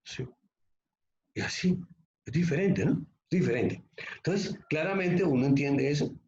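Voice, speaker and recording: A man's voice: a little high, expressive, unhurried, darkish tone, slight background noise. A man preaching a sermon as pastor, emphatic and conversational, often asking the listeners rhetorical questions. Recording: echoey, slightly muffled room recording.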